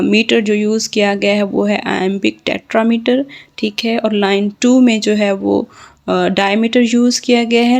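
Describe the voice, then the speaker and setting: A woman giving a literature lecture, explaining step by step, checking in often with listeners, and switching into slow, deliberate English sentences. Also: a little high, creaky, a little mellow. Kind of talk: classroom lecture.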